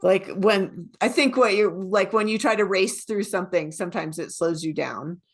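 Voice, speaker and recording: A woman's voice: medium pitch, moderate pace. A woman co-hosting a podcast who steers the casual conversation thoughtfully and asks questions. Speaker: podcast co-host.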